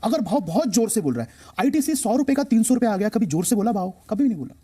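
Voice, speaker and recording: A man's voice: high-pitched, sing-song, fast, warm tone, slightly rough. A man appearing as a stock market expert on a TV show, explaining emphatically and repeating key phrases for effect. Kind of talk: explaining to a TV host.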